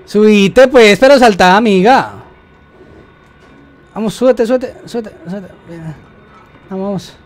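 A young man with a high voice gives let's-play commentary as he plays. He is excitable, repeats words in rapid bursts and yelps when something startles him. A faint hum of noise sits underneath. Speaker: gamer.

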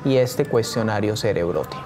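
Upbeat teacher. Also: male voice, fairly low pitch, animated, normal speed, over music. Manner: enthusiastic, addresses viewers directly. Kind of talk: screen-share tutorial.

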